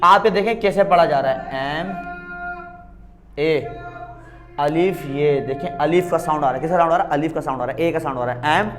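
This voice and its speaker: Male teacher, slightly high voice; grammar video lesson, fond "beta" address, answers his own questions, drills key words. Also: moderate pace, soft background music. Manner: calls viewers "beta", asks a question and answers it himself, repeats key words. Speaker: English teacher.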